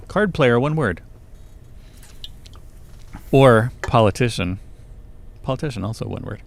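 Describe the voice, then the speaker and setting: A man's voice: mid-range voice, expressive, slow, creaky. A man co-hosting a podcast, reading a novel aloud and stopping playfully to comment on its word choice. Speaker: podcast co-host.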